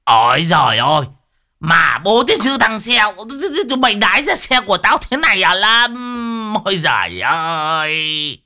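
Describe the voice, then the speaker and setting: A man's voice: very animated, measured pace, bright, forceful tone, full character voice. A man voicing a panicky, foul-mouthed old man who wails and cackles at his friend in a ghost story. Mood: wailing panic. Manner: shrill, wailing exclamations and cackling.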